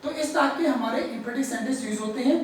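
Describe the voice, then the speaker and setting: A woman teaching English grammar, explaining slowly, repeating words and stressing each example sentence. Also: high-pitched, a little hiss or hum. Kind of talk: grammar lesson. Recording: echoey room, far from the mic.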